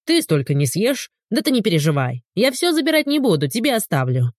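A woman voicing a pushy middle-aged village woman who scolds indignantly and shrilly. The voice sits higher than her plain narration. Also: sing-song, fairly quick, darkish tone, no echo, studio quality.

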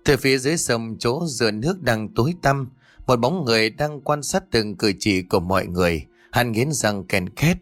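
A man telling a scripted ghost story as narrator, in a steady, dramatic way. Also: mid-range voice, moderate pace, dry recording, soft background music.

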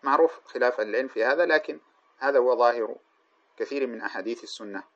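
Fast-talking male scholar on lo-fi audio. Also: medium pitch. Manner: explanatory, pauses and corrects himself mid-sentence. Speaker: Islamic scholar teaching hadith. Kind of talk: religious lecture commentary. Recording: dull lo-fi recording.

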